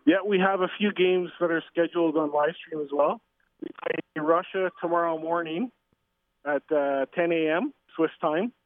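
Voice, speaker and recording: Over a tinny phone connection from a train, a middle-aged man from Canada speaks in a high-ish voice, stumbling through a casual interview with fillers and restarts. He's a curling coach and a father, and the recording is dry.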